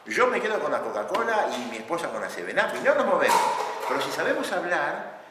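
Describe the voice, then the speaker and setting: Animated man lecturing in echoey hall. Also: a little high, fairly quick. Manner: animated, acts out shouting examples, laughs often. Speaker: lecturer on couples' communication. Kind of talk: lively classroom lecture. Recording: echoey hall, mic at a distance, audible noise.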